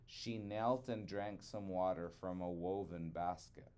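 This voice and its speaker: With a deep voice and a clear, resonant tone, a man reads a picture book aloud to children. He performs it deliberately and expressively, adding dramatic emphasis.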